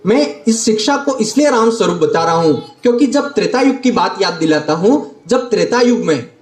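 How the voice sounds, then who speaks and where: A man's voice: high voice, lively intonation, fairly quick. A young man in his late teens, a student debater giving a formal speech, declaiming and repeating phrases for emphasis. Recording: roomy echo.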